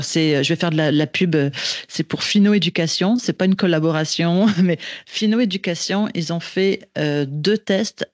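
A woman's voice: lowish voice, dry recording. A woman with a Québécois French accent talks shop as a teacher in a loose, conversational way. She circles back and restarts her sentences as she thinks, and her voice sits dry and close to the mic with no room sound. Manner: thinking aloud with frequent restarts and fillers. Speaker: teacher and guest. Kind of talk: casual podcast conversation.

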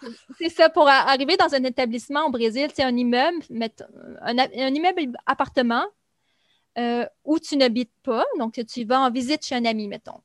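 Chatty woman, slightly high voice. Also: brisk, dry recording, clean studio sound. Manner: chatty and explanatory, with many fillers. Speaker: guest recounting life in Brazil. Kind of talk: casual conversation.

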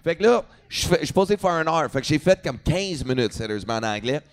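A man's voice: fairly high pitch, sing-song, fast, clear, resonant tone. A man comedian with a Quebec French accent telling a story in a casual talk, switching into English and swearing freely.

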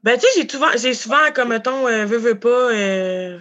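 Bright-voiced Québécois woman, slangy and fast. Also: on the high side, lively intonation, highs cut off. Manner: slangy, rapid, swearing freely. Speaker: guest. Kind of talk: casual chat.

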